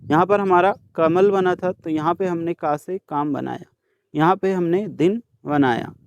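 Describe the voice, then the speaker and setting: A male teacher solving a worksheet for students, sounding out each letter slowly and speaking to the class directly. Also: fairly high pitch, creaky, a little hiss or hum. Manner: slow, deliberate sounding out of letters. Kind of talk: worksheet solution lesson.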